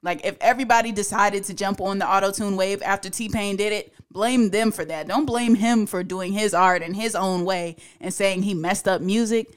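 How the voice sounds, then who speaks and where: A woman co-hosting a podcast in an expressive, informal, conversational way. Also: mid-range voice, moderate pace, hardly any pauses, clean tone. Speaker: podcast co-host.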